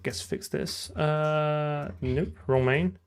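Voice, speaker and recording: Here a game-dev livestreamer speaks extremely slowly in a voice on the high side, clear and resonant yet touched with vocal fry. He mutters to himself as he codes, thinking aloud and drifting off mid-thought in casual commentary.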